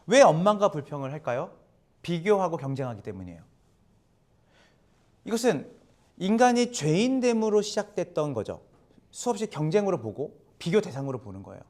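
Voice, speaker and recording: A male pastor giving a sermon in a church, chatty and conversational, often putting questions to the congregation. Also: sits high. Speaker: guest pastor. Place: church sanctuary.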